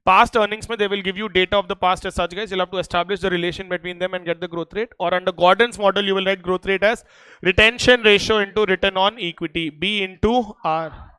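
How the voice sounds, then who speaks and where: A male teacher with an Indian accent delivers a revision lecture in a high, clear voice. The sound is close and dry, and his delivery is emphatic, often pausing to check that the class follows. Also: fairly even intonation, sharp tone, dry recording, poor audio. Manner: emphatic, repeatedly checking in with students. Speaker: accountancy teacher.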